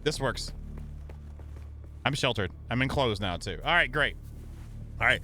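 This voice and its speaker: A man's voice: mid-range voice, a little slow, faint music behind. A man streaming a video game, chatting playfully and joking with his viewers. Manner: playful, jokey, animated. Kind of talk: casual gaming commentary.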